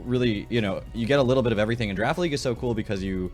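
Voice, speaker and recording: A man's voice: mid-range voice, racing, darkish tone, faint music behind. A young man interviewing a guest, asking enthusiastic, rambling questions in a casual chat.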